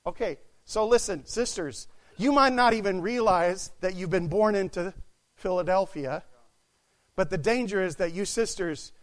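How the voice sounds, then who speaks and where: Guy preaching a sermon, pretty high voice, goes quiet then shouts. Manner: animated, swings from quiet asides to shouted exclamations.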